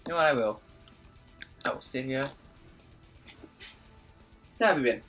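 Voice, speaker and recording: A man's voice: medium pitch, moderate pace, fairly bright tone, faint music behind. A man hosting a gaming video, chatting casually and explaining his strategy while he plays. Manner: laid-back, explains strategy. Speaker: gaming channel host. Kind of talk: casual gameplay chat.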